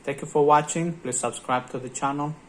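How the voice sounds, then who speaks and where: A man's voice: a little high, fairly even intonation, a little fast, a little hiss or hum, low-quality recording. A man hosting a tech channel, talking casually over his screen with many hesitant filler sounds. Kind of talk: casual screen-recorded commentary.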